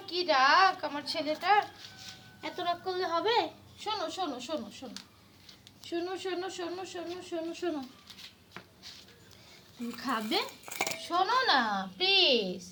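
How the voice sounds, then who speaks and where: High-voiced Bengali woman coaxing a pet. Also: pushed and bright, a little hiss or hum. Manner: coaxing, sing-song, many repeated words. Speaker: vlogger. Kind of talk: casual baby talk to a pet.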